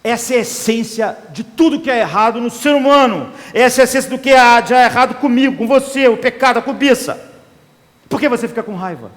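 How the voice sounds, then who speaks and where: High-voiced preacher in a reverberant hall. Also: male voice, brisk, a bit bright. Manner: impassioned, acts out inner voices of desire. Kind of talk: sermon.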